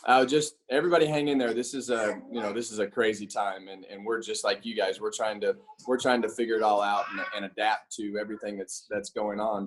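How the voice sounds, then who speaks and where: Man, forties, race driver, casual home video call, rambling, fillers. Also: on the low side. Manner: relaxed, rambling, many fillers and restarts. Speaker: race car driver, interview guest. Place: at home with his children nearby.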